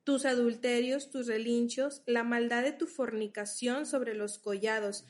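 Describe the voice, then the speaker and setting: A woman teaches a Bible study, her voice sitting slightly high. She speaks slowly and patiently, reading scripture aloud and unpacking it step by step. She often stops to make sure her listeners are keeping up. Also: steady tone. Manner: explains patiently, reads verses aloud, checks in with listeners.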